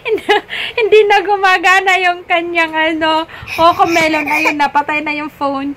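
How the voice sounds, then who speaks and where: A woman with a notably high voice talks casually at home, narrating her day to the camera. She slips often into sing-song baby talk with her child. Faint room ambience sits behind her. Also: steady tone, a little slow, pushed and bright, slight background noise. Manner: chatty asides to viewers mixed with playful baby talk. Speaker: vlogger and mother.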